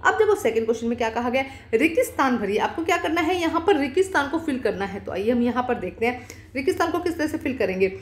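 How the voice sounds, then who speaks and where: A woman's voice: high voice, animated, fast talker. A woman from India teaching a maths worksheet as a voice-over, patiently asking questions and answering them herself.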